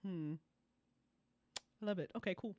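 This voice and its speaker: This after-show host, who also writes a fiction podcast, leads a casual group chat, swearing freely and repeating phrases to stress them. Her medium-pitched voice keeps a measured pace. The lo-fi recording has no room sound.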